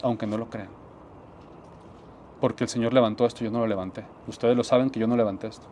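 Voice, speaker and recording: A man preaching, sharing a personal testimony with earnest conviction. He repeats key phrases and sinks into quiet tones to stress them, at a middle pitch. A faint hiss sits under the recording. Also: fairly even intonation, quick pace. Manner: earnest, repetitive, drops to soft tones for emphasis. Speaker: pastor. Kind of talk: sermon testimony.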